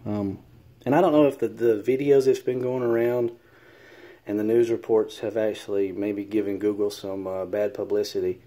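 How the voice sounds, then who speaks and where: Dark-voiced Southern man, hesitant talk. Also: on the low side, steady tone, moderate pace. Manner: hesitant, full of ums and uhs, earnest. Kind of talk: casual talk to camera.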